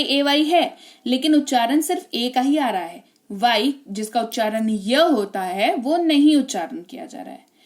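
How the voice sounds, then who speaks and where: A high-pitched woman explains English spelling and reading rules step by step. She talks in a chatty, friendly-teacher way and keeps asking her listeners whether they follow. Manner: chatty, keeps checking with "ठीक है?" and "है ना?".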